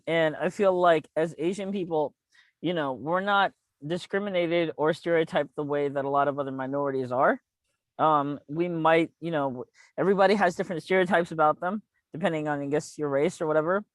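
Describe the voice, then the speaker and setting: Casting: man, 30s, higher-pitched, tipsy and slightly slurred, loose sweary rambling chat, close dry sound. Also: no room sound. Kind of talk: casual chat, profanity-laden.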